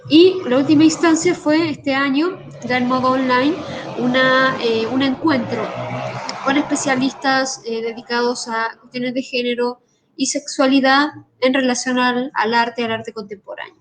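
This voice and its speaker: Woman giving an online talk, high voice, lots of ums and restarts. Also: fairly even intonation, moderate pace, background noise. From Argentina. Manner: hesitant, many fillers and restarts. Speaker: guest speaker, artist and researcher. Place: home in Brazil.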